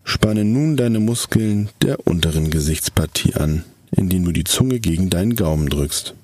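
Man, very low-pitched, slightly husky, soft-spoken, calm guided relaxation narration, soothing measured instructions. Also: dry recording.

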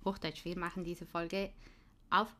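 A chatty young Swiss woman, whose first language is Swiss German, hosts a casual podcast, laughing often and using many fillers. Her voice is lowish and fairly bright, with a level tone and a measured pace.

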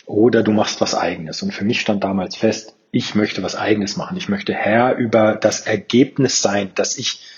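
Low-voiced man coaching in a lo-fi recording. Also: fairly even intonation, normal speed, few pauses. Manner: personal, addresses the listener directly, restarts and repeats words. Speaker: purpose coach and podcast host. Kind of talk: reflective monologue to the listener. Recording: dull lo-fi sound.

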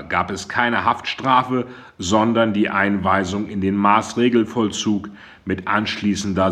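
A man narrating a crime novel in a measured, dramatic way. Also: fairly low pitch, fairly bright tone. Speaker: audiobook narrator. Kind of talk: scripted narration.

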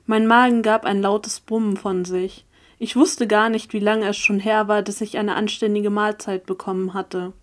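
Woman, audiobook reader, first-person narration, calm even storytelling. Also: mid-range voice, normal speed.

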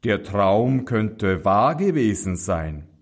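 A man voicing a calm, shrewd old king giving his daughter advice, in a fairy tale reading. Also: on the low side, slow pace, heavily acted.

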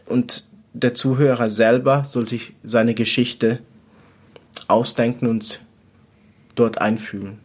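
A young man who plays jazz answers in an interview at a mid pitch. He speaks hesitantly, building his sentences piece by piece. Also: flat delivery, slow pace, pauses often. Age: young adult. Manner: hesitant, piecing sentences together. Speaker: jazz musician.

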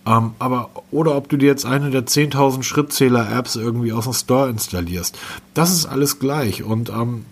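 A man's voice: mid-range voice, normal speed. A man co-hosting a casual tech podcast, rambling with many fillers and restarts. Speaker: podcast co-host.

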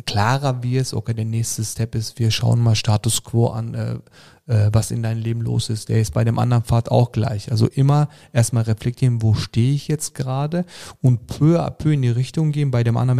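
A man's voice: mid-range voice, gravelly, dark tone. A man speaking as a life coach, explaining his approach in casual conversation with frequent fillers and restarts. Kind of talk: casual interview talk.

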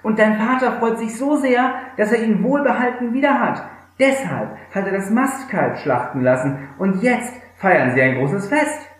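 A man's voice: high-pitched, very animated, a little slow, pitched above the performer's own voice. A man reading aloud who voices an eager servant bringing news, recorded in a very echoey room. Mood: excited. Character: eager young male servant.

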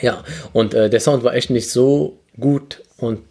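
Young male co-host, mellow dark tone, easygoing chat. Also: medium pitch, fairly even intonation, measured pace, slight background noise. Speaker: podcast co-host. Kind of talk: casual chat.

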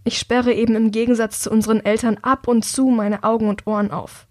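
A woman's voice: a little high, flat delivery, fairly quick, a little mellow, no echo, studio quality, natural voice. A woman narrator voicing a hurt, blunt young man who speaks emphatically. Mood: earnest.

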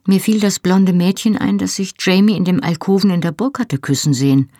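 An audiobook reader narrating a novel in a measured, expressive way. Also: medium pitch, no echo, clean studio sound.

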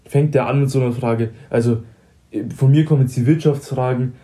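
A man's voice: medium pitch, fairly even intonation, brisk, warm tone. A young man in casual chat, telling a story in slang and acting out both sides of a conversation.

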